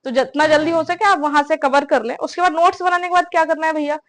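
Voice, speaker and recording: Woman, young adult, high voice; casual mentor talk to students. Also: fairly even intonation, fast talker, fairly bright tone. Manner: conversational, repeats tag questions, addresses listeners as brother. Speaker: exam preparation mentor.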